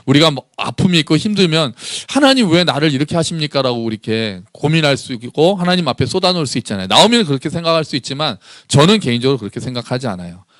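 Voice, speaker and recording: Animated male pastor preaching a sermon. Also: medium pitch, quick pace, hardly any pauses, no echo, studio quality. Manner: animated, acts out anguished prayers with rising voice; asks the congregation questions. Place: church.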